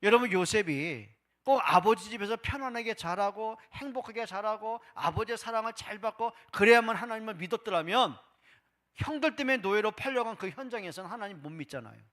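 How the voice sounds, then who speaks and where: A male pastor preaching a Sunday sermon, asking rhetorical questions and voicing people's doubts, swinging between loud and hushed. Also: sits high, lively intonation, brisk. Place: church service.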